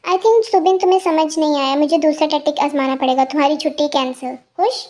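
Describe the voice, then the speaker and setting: A brooding, lovesick young man in a storybook, muttering angrily to himself, read out by a woman. The voice stays high and the lines come quickly. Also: a little mellow. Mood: angry.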